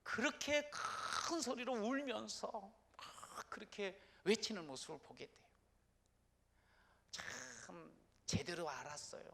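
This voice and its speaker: A man pastor preaching a sermon, moving from soft, slow prayerful lines to loud, shouted declarations. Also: high voice, lively intonation, creaky, slightly rough, long reverb tail.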